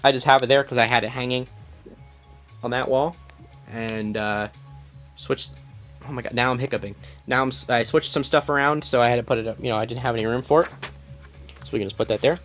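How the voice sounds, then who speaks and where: A man's voice: mid-range voice, fairly even intonation, rapid-fire, a bit bright, soft background music. A young man casually showing his collection to a phone camera, rambling with many ums and restarts in a small room at home. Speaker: collector giving a room tour. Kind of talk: casual filmed walkthrough.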